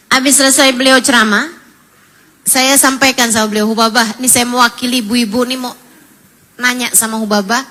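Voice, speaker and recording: A woman's voice: fairly high pitch, sharp tone. A middle-aged woman preaching a sermon to women, telling stories with emotive, tearful pleas.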